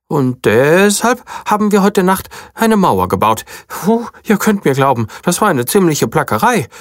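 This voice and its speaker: A storyteller voicing a small, earnest male bunny who guards a wall in a children's story, in a high, insistent voice. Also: no room sound, studio quality, close to an everyday voice.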